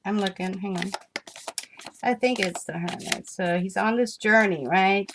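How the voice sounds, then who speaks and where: A woman giving an enthusiastic spiritual tarot reading, excitable and rambling as she turns the cards. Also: medium pitch, unhurried, background noise. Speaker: tarot reader.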